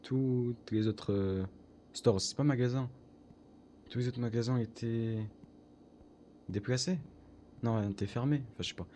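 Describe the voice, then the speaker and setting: Young guy streaming a horror game, slangy and chatty, mutters then yelps, mellow low voice, faint game noise behind. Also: a little slow, pauses often. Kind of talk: casual live-stream gameplay commentary.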